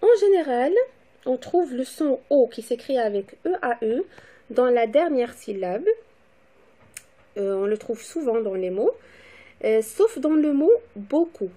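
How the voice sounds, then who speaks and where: A woman teacher giving a slow, deliberate phonics lesson to young children, spelling out letters and syllables. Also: a little high, lively intonation, warm tone. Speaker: primary school teacher.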